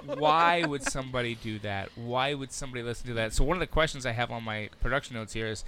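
A man co-hosting a casual podcast on a studio mic, talking in a joking way with quick asides. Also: mid-range voice, bright, forceful tone, a little hiss or hum. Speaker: podcast co-host. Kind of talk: casual chat. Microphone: studio mic with headphones.

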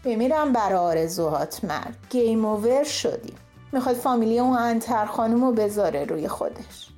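A woman's voice: on the high side, expressive, dark tone, soft background music. A woman playing a fussing middle-aged wife and mother in a comic radio sketch, placating and doting. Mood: fussy. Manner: placating, fussy.

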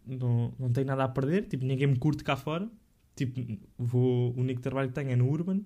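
A young man speaks European Portuguese in a casual podcast chat. His voice is extremely dark and mellow, with a middle pitch. He talks loosely in slang, with hesitations and restarts. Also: fairly even intonation, quick pace.

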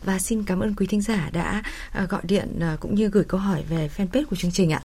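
A woman's voice: medium pitch, fast talker, warm tone, slightly rough. A woman hosting a health radio programme, speaking politely as she interviews and addresses listeners. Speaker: radio health show host. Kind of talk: polite broadcast interviewing and sign-off.

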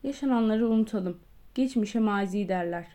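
A woman's voice: medium pitch, normal speed, mellow, close to an everyday voice. A woman voicing a jovial, backslapping older male postmaster in an audiobook, hearty and boisterous. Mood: coaxing. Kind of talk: audiobook character voice.

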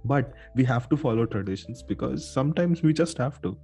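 A man's voice: mid-range voice, expressive, fairly quick, mellow, slightly rough, soft background music. A man with an Indian accent hosting a podcast in casual, informal chat, now and then slipping between English and Hindi. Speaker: podcast host.

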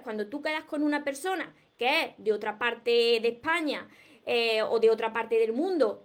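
A woman from Córdoba with an Andalusian Spanish accent, giving earnest, repetitive dating advice on a live stream. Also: sits high. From Córdoba, southern Spain. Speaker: dating and self-esteem coach. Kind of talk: live-streamed motivational talk.

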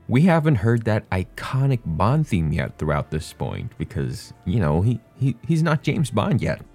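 A man's voice: deep voice, a little mellow. A young man giving casual, joking film commentary, swearing freely and rambling with restarts.

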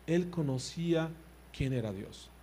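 A husky-voiced man preaching a sermon, his voice pitched a little high. He is animated, rising to loud emphasis and dropping to quiet asides, and keeps turning to his listeners with direct questions. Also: measured pace.

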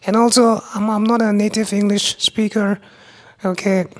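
Speaking alone on her medical podcast, a young Indian woman who has just become a doctor talks in a mid-range, slightly mellow voice with little pitch movement. She has an Indian accent, restarts often, and her words come out haltingly and somewhat unclearly.

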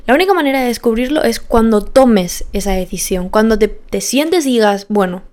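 A woman's voice: on the high side, lively intonation, normal speed, a little mellow. A nineteen-year-old woman hosting a podcast, talking candidly and emphatically in a casual motivational monologue, repeating phrases for stress. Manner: candid and personal, self-deprecating. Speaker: podcast host.

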